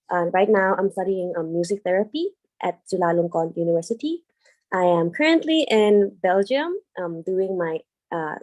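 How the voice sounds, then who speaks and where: A woman's voice: mid-range voice, mellow, poor audio. A woman on an online panel over a video call, hesitant and full of fillers. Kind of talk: casual online panel talk.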